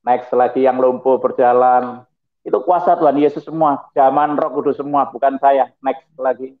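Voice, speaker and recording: A middle-aged man, a pastor giving his testimony in a lively, preachy way with chuckling asides. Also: medium pitch, normal speed. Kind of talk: testimony talk over slides. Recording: tinny phone-like audio.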